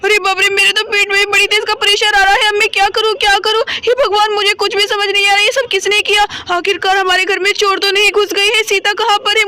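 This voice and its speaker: A woman's voice: extremely high pitch, sharp tone. A woman voicing a sick mother in a doll story, fretting anxiously and asking over and over what to do. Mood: worried. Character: sick, tied-up mother, fretful and panicky.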